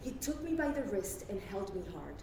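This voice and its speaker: A woman's voice: medium pitch, sing-song, normal speed. A woman working as a drama coach, giving instruction and modelling classical monologue lines to be repeated. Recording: echoey room, distant mic, faint noise.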